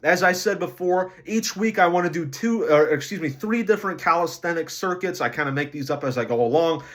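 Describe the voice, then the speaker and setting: Chatty young man logging his diet. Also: on the high side. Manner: chatty, rattles off food numbers quickly. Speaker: vlogger tracking diet and weight loss. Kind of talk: casual daily vlog to camera.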